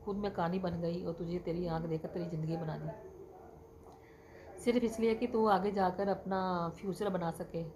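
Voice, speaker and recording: A woman's voice: fairly low pitch, fairly even intonation, normal speed, close to an everyday voice. A woman voicing a grieving old mother. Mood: sorrowful. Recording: noisy background.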